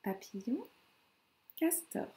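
Une enseignante qui parle à de jeunes enfants et scande lentement les syllabes des mots avec une intonation chantante. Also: female voice, high-pitched, sing-song, dark tone, echoey room. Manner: slow, syllable-by-syllable counting with sing-song emphasis. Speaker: kindergarten teacher. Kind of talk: teaching young children.

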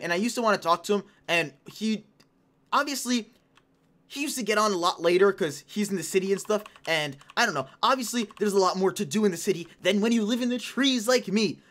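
Talking to viewers like a casual let's-play host, a young woman in her late teens rambles through a game with chatty excitement. Her gaming-channel commentary comes at an ordinary middle pitch, with a slight hoarseness throughout.

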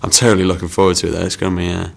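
Low, gravelly man chatting casually. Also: completely flat delivery, very fast. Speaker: reality show contestant. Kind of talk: casual interview chat.

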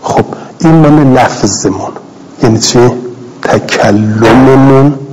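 A man's voice: medium pitch, a little mellow, slightly rough, poor audio. A middle-aged male cleric gives a scholarly commentary lecture, reading Arabic text aloud and explaining it in plain, repeated Persian. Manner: repeats and rephrases phrases for clarity.

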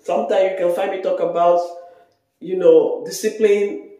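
A woman in her thirties with a Nigerian accent, chatting casually on her vlog, hoarse, congested and tired. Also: fairly low pitch, fairly even intonation, normal speed, dark tone. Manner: chatty, rambling. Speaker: vlogger. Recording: very echoey room.

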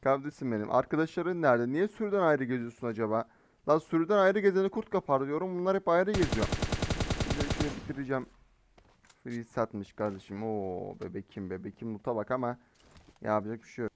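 A man giving live gameplay commentary as a mobile game streamer, excitable and teasing in slangy banter. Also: medium pitch, fairly quick, noisy background. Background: faint game gunfire.

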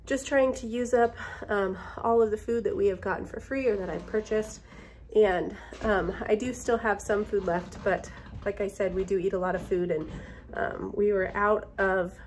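Her voice sits at a medium pitch, a little strained from a recent cold, with slight background noise behind it. This thirty-something vlogger chats casually through a home grocery haul, saying um often and keeping things warm and cheerful. She records on a phone camera at arm's length inside her farmhouse kitchen.

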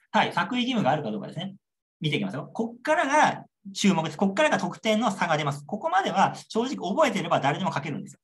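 A man's voice: sits high, a bit bright. A young man lecturing on a model exam answer, repeating key points and checking understanding with rhetorical questions.

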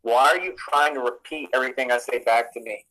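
A man's voice: medium pitch, a little fast, pushed and bright, rough recording. A man in played clips, ranting aggressively with profane, threatening, swaggering talk.

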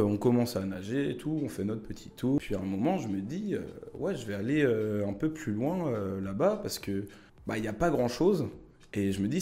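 A man's voice: lowish voice, warm tone. Chatty young man telling travel stories. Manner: chatty, many fillers, addresses viewers directly. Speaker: YouTuber telling travel anecdotes. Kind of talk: casual storytelling to camera.

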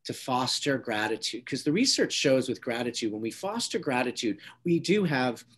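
Speaking at normal speed in a husky, medium-pitched voice, a male psychologist calmly teaches breathing techniques for stress. He leads listeners through each step, often restarting his sentences.

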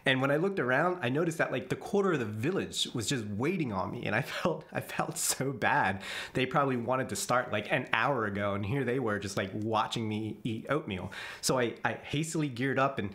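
A man's voice: medium pitch, fairly quick, a bit bright. A man narrating a voice-over about his jungle memories, chuckling often and restarting his sentences. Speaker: vlogger telling jungle memories. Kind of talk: casual storytelling voice-over. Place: voice-over, not recorded in the jungle.

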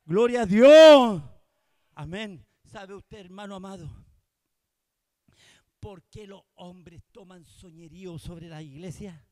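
A man preaching with a strikingly high-pitched voice. He swings from shouted proclamations to quiet, intimate asides and hammers phrases through repetition. The sound is dry and close, with no room echo. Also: fairly even intonation, slow. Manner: repeats phrases for emphasis. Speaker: pastor. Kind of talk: Pentecostal-style sermon.

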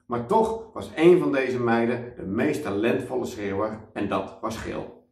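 A man, a children's author, reading a children's story aloud as a lively storyteller. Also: mid-range voice, measured pace, vocal fry. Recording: echoey room, mic at a distance.

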